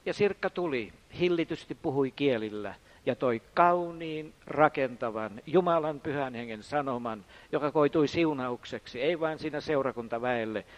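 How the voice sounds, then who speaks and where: An older man preaching a sermon, moving between loud emphatic declarations and quiet anecdotes. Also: mid-range voice. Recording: dull lo-fi sound.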